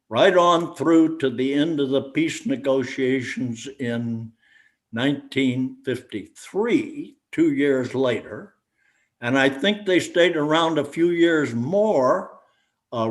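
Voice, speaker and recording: An elderly American man, a war veteran in his eighties or older, reminiscing and explaining in a deliberate, halting way with long pauses. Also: medium pitch. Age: 80s or older. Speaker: war veteran being interviewed.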